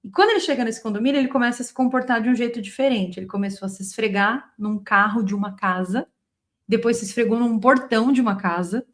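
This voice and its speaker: A Brazilian woman with a fairly high voice, talking directly to her audience as she tells a personal story. She is animated and expressive, clearly caught up in what she is telling, and keeps pulling the listener in. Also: quick pace. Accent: Brazilian Portuguese. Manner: emotionally involved, expressive. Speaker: spiritual teacher and channel host.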